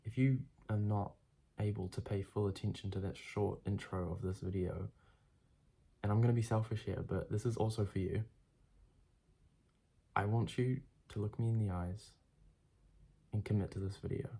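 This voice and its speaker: Young man, congested, gravelly, dark mellow tone, blunt casual motivational vlog talk with swearing. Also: on the low side, steady tone, normal speed, long pauses. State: congested from a cold. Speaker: self-improvement vlogger. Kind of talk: direct-to-camera motivational talk.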